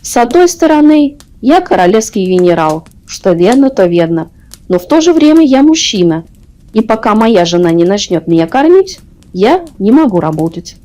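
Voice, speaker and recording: A woman's voice: mid-range voice, sing-song, normal speed, mellow, close to an everyday voice. A woman voicing a dutiful, matter-of-fact royal general in a bedtime storybook reading. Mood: firm, reasoning.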